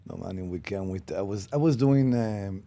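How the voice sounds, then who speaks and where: A man's voice: sits low, normal speed, dark tone. A man in his fifties, originally from Israel, telling his real estate story bluntly in a podcast interview and often checking in with "okay?". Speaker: guest, commercial real estate broker. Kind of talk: casual interview. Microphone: podcast studio mic.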